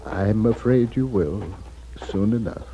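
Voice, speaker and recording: A man voicing a gentle, sorrowful royal huntsman who speaks softly and hesitantly in a storybook record. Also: on the low side, slow. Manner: soft-spoken, hesitant, melancholy.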